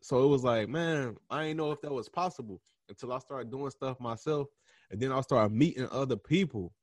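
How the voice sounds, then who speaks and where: A man's voice: medium pitch, a little fast, dry recording. Laid-back young man talking slang on a dry mic. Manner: relaxed, slangy, thinking aloud with many restarts. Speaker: podcast host being interviewed. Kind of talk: casual interview conversation.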